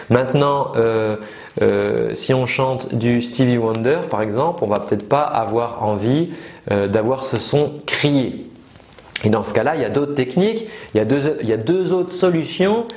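A man's voice: medium pitch, a little mellow. A man teaching singing in a casual online lesson, explaining with many fillers and demonstrating sung notes. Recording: roomy echo.

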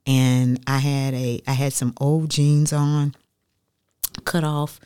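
A woman, a radio guest telling her life story in an animated, chatty way that repeats phrases for emphasis. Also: rumbling low, takes it slowly, clean tone, no room sound. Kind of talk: casual storytelling interview.

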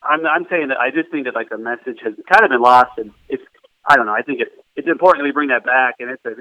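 A man's voice: mid-range voice, fast, dry recording. A man calling in by phone from Phoenix, Arizona, rambling and distracted, repeating "yeah" over and over. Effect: heard over the phone. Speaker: caller. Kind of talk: phone call-in chat. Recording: tinny dry phone line.

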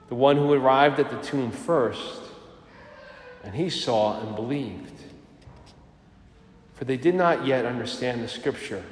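Priest with a cathedral echo. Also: male voice, mid-range voice, a little hiss or hum. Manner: measured, storytelling delivery. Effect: cathedral echo, long church reverb. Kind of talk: gospel reading and homily. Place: large church. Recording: echoing church with long reverb.

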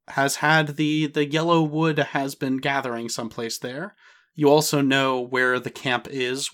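A man narrating as game master of a tabletop role-playing game, relaxed and halting, with many fillers. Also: mid-range voice.

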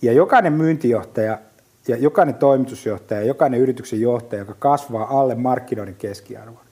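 A man's voice: medium pitch, slightly rough. A middle-aged man talking casually and vividly, full of fillers and restarts. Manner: lively storyteller with many fillers and restarts. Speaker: business guest. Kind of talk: casual podcast chat.

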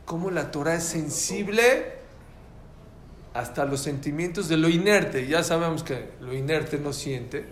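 A man's voice: on the high side, unhurried, echoey room, slight background noise. A man with a Mexican Spanish accent teaching a religious class, telling stories and quizzing his listeners. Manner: animated, quizzes the audience.

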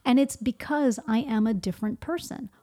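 Speaking at normal speed with a slightly high, dark-toned voice, a woman joins a podcast conversation as a guest. She reflects aloud, putting questions to herself and then answering them.

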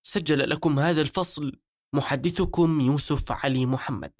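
A man reading a book aloud as an audiobook narrator, in a measured, solemn scripted delivery. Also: a little high, no echo, studio quality. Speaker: audiobook reader.

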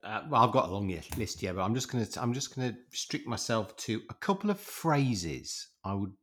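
A man with a lowish voice talks casually as a panellist on a podcast. His delivery is hesitant and wry. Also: animated, a little fast, fairly bright tone, slight background noise.

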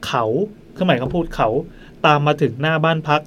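A man hosting a podcast, telling a ghost story in a quick, chatty way into a studio mic. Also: fairly high pitch, a bit bright, slight background noise. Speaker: podcast host.

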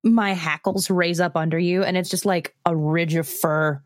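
A woman's voice: fairly low pitch, steady tone, moderate pace, no echo, clean studio sound. A woman playing in a tabletop role-playing game, casually narrating what her character does.

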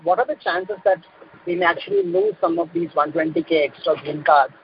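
Radio show caller: a man on a dull phone line, hesitant, filler-heavy, fairly high voice. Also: wildly swooping pitch, gravelly, slight background noise. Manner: hesitant, many filler pauses. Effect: phone call heard on air. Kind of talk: call-in question.

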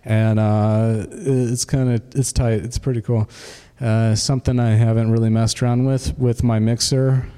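A man giving a casual, halting demo of his music software, with a reverb effect on his voice. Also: mid-range voice, level tone, smooth. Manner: halting, many fillers. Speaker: music producer.

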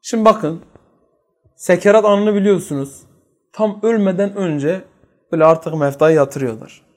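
A man teaching a religious study lesson who quizzes his listeners with rhetorical questions and drops from loud emphasis into quiet, low asides. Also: unhurried.

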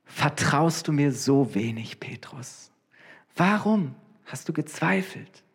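A preacher voicing Jesus in a slow, low, hushed tone. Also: male voice, lively intonation, slightly rough, in a large hall, full character voice. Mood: calm reassurance. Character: calm, gentle adult male Jesus.

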